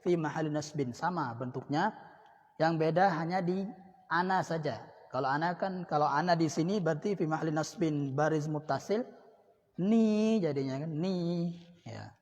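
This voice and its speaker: A man with an Indonesian accent teaching an Arabic grammar lesson, repeating each example word slowly. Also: on the high side, darkish tone. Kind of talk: classroom lesson. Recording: dull sound with long reverb.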